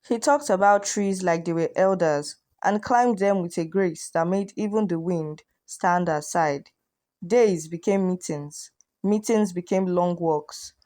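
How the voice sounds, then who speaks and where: Woman storyteller, lowish voice, measured folktale narration, dry studio sound. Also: a little mellow, dry recording. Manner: measured, vivid with proverbs and images.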